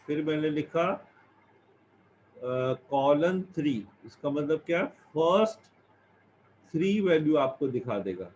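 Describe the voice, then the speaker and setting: In a classroom full of students, a man teaching computer science walks through each step, asking his own questions and answering them. He has a fairly high, slightly mellow voice. Faint background noise sits under a dull, lo-fi recording.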